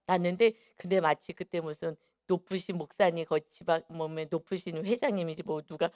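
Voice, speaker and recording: A man preaching an early-morning sermon as pastor, telling a story in an animated way full of emphatic fillers. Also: fairly high pitch, normal speed.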